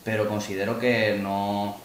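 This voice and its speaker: A man's voice: fairly low pitch, level tone, unhurried, slight background noise. Insistent man in an echoey room. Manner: insistent, argumentative. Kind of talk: argumentative discussion. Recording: roomy echo.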